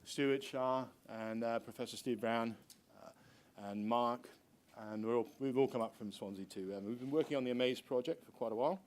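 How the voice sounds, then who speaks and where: A middle-aged man who is a university researcher, giving a conference presentation in an informal, hesitant, halting way. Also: medium pitch, a little mellow. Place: lecture room with seated audience.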